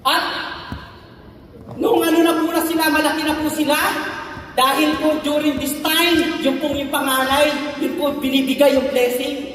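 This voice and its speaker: A man's voice: very high voice, level tone, normal speed, a bit bright, a little hiss or hum. A male pastor with a Filipino accent preaching a sermon, often asking the congregation "no?" and mixing in English phrases. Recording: far-off voice in a long echoey hall.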